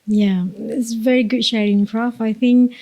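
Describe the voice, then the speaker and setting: A woman's voice: fairly high pitch, fairly even intonation, unhurried, dark tone. A woman hosting a university podcast interview, asking rhetorical questions in a polite, formal way. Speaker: podcast host.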